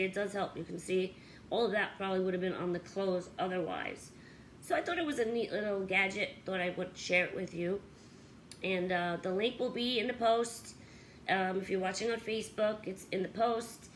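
A woman's voice: fairly bright tone, rough recording. Middle-aged woman, casual home vlog, upbeat and chatty, faint hiss behind. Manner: chatty, upbeat, with fillers; high baby-talk when calling her dogs. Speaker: pet channel host. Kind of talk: casual product review vlog. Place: home bedroom with dog beds, indoors.

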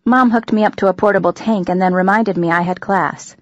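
A woman narrating an audiobook in the first person, in a wry, deadpan manner. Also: medium pitch, a little fast, dry recording, muffled recording. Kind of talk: scripted narration.

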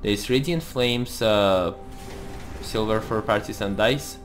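A man's voice: lowish voice, takes it slowly. A man giving casual gameplay commentary, thinking aloud as he plays. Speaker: host of a card game let's play series. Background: music.

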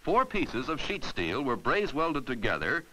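With a measured pace and a bright, forceful voice that swings in pitch, a man narrates an old instructional film, laying out each step clearly and patiently as a 1950s classroom reel would. The rough recording comes from a 1950s educational film soundtrack.

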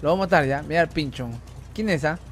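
Man, streamer, foul-mouthed, frantic, slightly high voice, faint noise. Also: fast talker. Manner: swears a lot, loud and frantic. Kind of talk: casual gaming stream chat.

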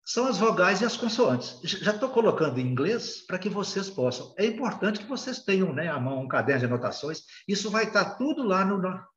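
Brazilian male teacher, slightly high voice, patient but hesitant delivery, lo-fi recording. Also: sing-song, a little fast, few pauses, fairly bright tone, reverberant. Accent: Brazilian Portuguese. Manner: patient, hesitant explaining with many filler sounds. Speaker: English teacher. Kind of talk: recorded beginner language lesson.

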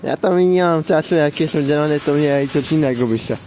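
A man's voice: a little high, normal speed, darkish tone. A man chatting casually and informally as he watches trains. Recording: noisy outdoor amateur recording. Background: station ambience, passing vehicles.

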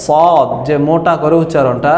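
A man teaching Quran reading letter by letter, explaining patiently and slowly drawing out each sound. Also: fairly high pitch, a little hiss or hum. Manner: slow, repetitive explanation, drawn-out letter sounds. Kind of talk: online recitation lesson. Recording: echoey room with long reverb.

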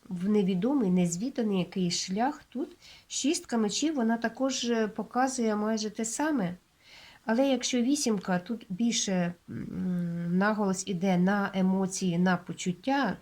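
A woman with a Ukrainian accent giving a casual tarot reading, explaining each card in an unhurried way, with many hesitations and checks with the viewer. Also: mid-range voice, darkish tone. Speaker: tarot reader.

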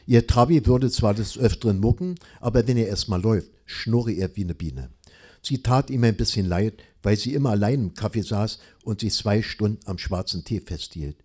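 Dark husky man reading a story aloud. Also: fairly low pitch, moderate pace. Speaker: author reading his story. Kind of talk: live literary reading. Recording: live reading.

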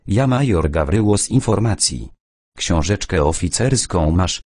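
A man's voice: sits low, animated, a little slow, a little mellow, no room sound, clean studio sound. A man voicing a stern, curt army intelligence major with a Russian accent. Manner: curt, commanding, mocking. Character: stern male Soviet-style intelligence major.

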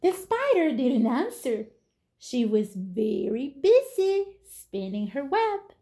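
A young woman, a toddler teacher, reads a picture book to young children in a deliberate, sing-song way. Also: sits high, very animated, mellow. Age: young adult. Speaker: toddler teacher reading aloud. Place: small living room, indoors on a couch.

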